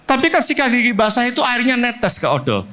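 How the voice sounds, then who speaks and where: A middle-aged man from Central Java preaches with a high, lively voice that keeps leaping up and dropping low. He asks the congregation questions as he goes and slips English words into his sermon. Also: a little fast. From Central Java, Indonesia. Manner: animated preaching with lively pitch swings and direct questions to the congregation. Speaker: pastor.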